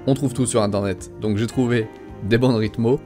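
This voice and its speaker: A man chats casually to viewers in a mid-pitched voice. He is jokey and self-deprecating, with faint music behind him. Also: steady tone, normal speed, a little mellow. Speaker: amateur YouTuber presenter.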